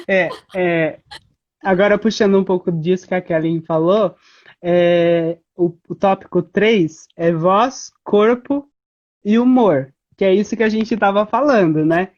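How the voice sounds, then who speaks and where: A woman guest in a casual interview, explaining things in a relaxed way with many fillers over a video call. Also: mid-range voice, slow pace. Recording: slightly muffled audio.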